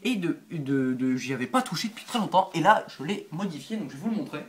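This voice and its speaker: In a quick, expressive, fairly high voice with a little hiss or hum, a LEGO builder shows his models in a home vlog captured on a nearby camera mic. He chats hesitantly, often saying "euh", "hop" and "voilà" while handling pieces, and apologizes and pokes fun at himself.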